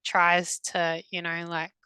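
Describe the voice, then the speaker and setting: A woman recounting a past-life regression under hypnosis, halting and hesitant, with many restarts, in a soft, subdued voice. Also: on the low side, monotone, clean tone, no room sound, rough recording. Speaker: hypnosis client.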